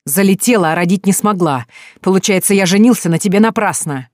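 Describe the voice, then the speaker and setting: Narrator voicing a spiteful, loud ex-husband in a dry audiobook read, higher than the narration. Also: male voice, a little fast, dry recording, close to an everyday voice. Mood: venomous rage. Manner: shouting, venomous, contemptuous. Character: furious abusive ex-husband, grown man.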